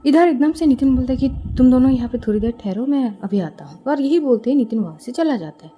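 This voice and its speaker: A woman's voice: high voice, animated, fast, dark tone, a little hiss or hum. A woman narrating a serialized love story in a conversational retelling style.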